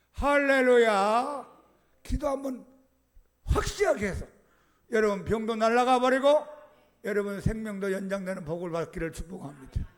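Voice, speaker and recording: A man, a pastor, preaching a sermon with emphatic swings between soft and loud delivery. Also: very high voice. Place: church sanctuary.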